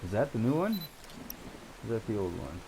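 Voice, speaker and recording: A man with a fairly low voice gives casual video game commentary. He talks in an unhurried way, thinking aloud as he plays. There is clear, steady vehicle-like noise behind him. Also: low-quality recording. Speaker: gamer narrating a storm-chasing simulation game.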